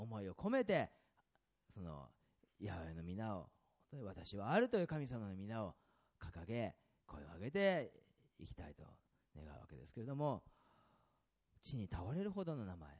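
Swinging between loud and soft stretches, a male pastor delivers his sermon and asks the congregation questions. His voice is lowish, and the recording is muffled.

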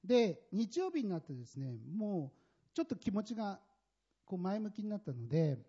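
A man gives a church testimony in a husky, mellow voice that swings widely up and down in pitch as he tells his story emphatically. The sound is dull and lo-fi. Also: very animated, normal speed. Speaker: church member giving testimony. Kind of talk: personal testimony in a sermon. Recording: dull lo-fi recording.

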